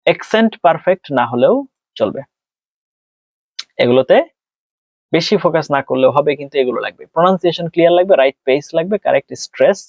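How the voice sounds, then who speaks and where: A man teaching a test prep lesson. He asks and answers his own questions, and he slows down and spells things out when he speaks English. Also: on the high side, no echo. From Bangladesh. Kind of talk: tutorial lesson, mixing Bengali and English. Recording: dry, dull lo-fi sound.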